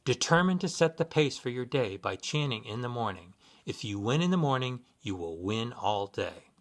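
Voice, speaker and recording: A man giving sincere, measured spiritual guidance in a scripted instructional talk, with occasional fillers. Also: medium pitch, expressive. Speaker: Buddhist practitioner giving guidance.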